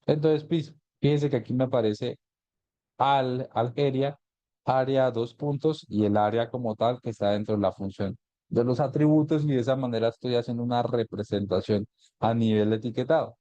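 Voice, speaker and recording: A man teaching an online class on mapping software, explaining each step and often checking in with a quick question. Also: mid-range voice, no room sound, highs cut off. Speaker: GIS instructor. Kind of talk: live online class, screen-share tutorial.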